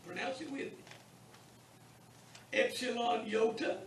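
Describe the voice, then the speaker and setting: A man teaching a beginners' Greek class in a classroom, drilling sounds slowly and deliberately with lots of repetition and a teasing sense of humor. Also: very high voice, gravelly, far from the mic, a little hiss or hum. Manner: wry, teasing humor with students. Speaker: Bible college Greek teacher. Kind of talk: classroom lecture. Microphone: distant room mic. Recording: echoey classroom taped from afar.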